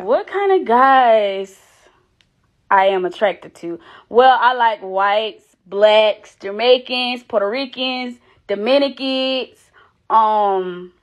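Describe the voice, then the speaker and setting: In this mukbang video, a vlogger in her thirties talks straight to her audience in a relaxed way, stretching out exclamations between mouthfuls. Her pitch leans toward the high side.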